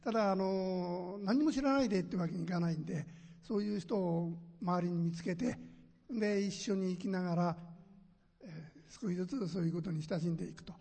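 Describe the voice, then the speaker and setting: Male talk guest, measured, husky voice, reverberant hall. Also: high voice, mellow. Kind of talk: casual chat. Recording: echoey hall.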